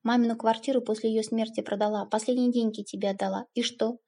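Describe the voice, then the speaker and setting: A woman's voice: on the high side, fairly even intonation, fast, warm tone. A woman reading an audiobook, voicing a weary wife under forty who speaks coldly to her husband. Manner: cold, weary. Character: tired, cold young wife under forty.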